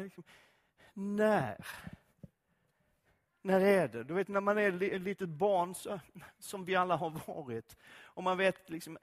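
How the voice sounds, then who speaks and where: A man with a high-pitched voice preaches a sermon, moving between scripture readings and loose, conversational asides. He speaks straight to his listeners and keeps asking them questions. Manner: conversational, filler-heavy, asks listeners direct questions.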